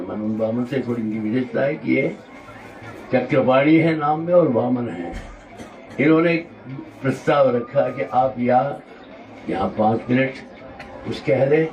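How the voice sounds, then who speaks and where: Speaking at a normal pitch despite a sore throat, this man, a spiritual teacher, offers an unhurried, contemplative devotional discourse that meanders from point to point and pauses to explain its vocabulary. The sound is muffled, picked up from afar in a reverberant hall.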